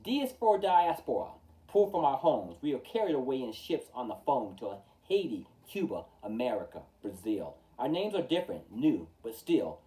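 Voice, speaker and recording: A storytime host with a mid-range voice reads a rhyming picture book aloud in a very animated, theatrical way, expressive for children. His measured delivery hits the start of each phrase with emphasis and lets the line endings fall. His tone is mellow, and he sounds slightly distant from the mic.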